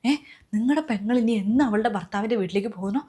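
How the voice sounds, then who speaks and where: A woman's voice: mid-range voice, mellow, husky, close to an everyday voice. A woman playing an exhausted, overworked sister-in-law who complains and rants in a comedy sketch. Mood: furious. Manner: complaining, rapid, exasperated. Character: overworked elder sister-in-law, weary and fed up.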